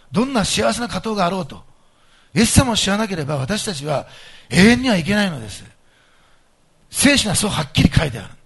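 In a gravelly, husky, medium-pitched voice, a male pastor gives an animated, emphatic sermon to his congregation, moving from soft asides to loud stressed points.

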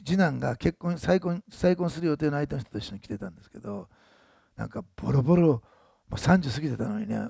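A man's voice: mid-range voice, vocal fry, mellow, breathy edge, no room sound, studio quality. A man in his sixties, a pastor telling a story in a sermon, chatty, often adding tag words. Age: 60s. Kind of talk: sermon testimony.

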